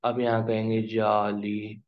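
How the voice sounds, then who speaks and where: A male teacher explaining grammar in a classroom lesson, drawing out each example word slowly. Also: on the low side, completely flat delivery. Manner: slow, drawn-out pronunciation of example words. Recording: dull lo-fi recording.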